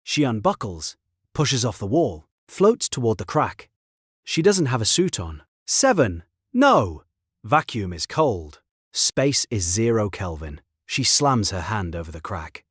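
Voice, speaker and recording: Husky man narrating in clipped bursts. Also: lowish voice, sing-song, measured pace, a bit bright, no echo, clean studio sound. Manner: clipped terse sentences. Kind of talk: greentext story narration.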